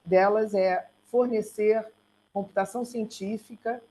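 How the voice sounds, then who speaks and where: Presenting slides over a noisy, humming online call, a woman who coordinates a research centre speaks with a Brazilian Portuguese accent. Her medium-pitched, mellow voice keeps fairly even intonation, though her delivery is halting and self-correcting.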